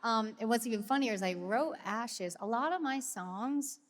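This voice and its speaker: A woman's voice: fairly high pitch, moderate pace. A woman in her thirties co-hosting a casual podcast chat, telling stories and acting out the people she quotes. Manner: animated, acts out quoted voices. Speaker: podcast co-host and singer.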